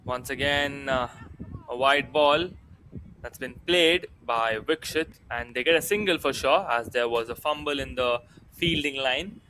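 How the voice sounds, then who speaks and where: Bright-voiced Indian-accented man commentating on cricket. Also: medium pitch, measured pace, slight background noise, rough recording. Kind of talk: live match commentary.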